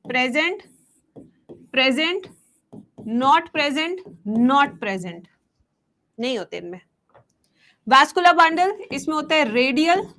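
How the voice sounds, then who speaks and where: Switching between Hindi and English, a young biology teacher preps students for an exam, reading out table entries slowly and then darting into quick side comments. She has a high-pitched, slightly bright voice.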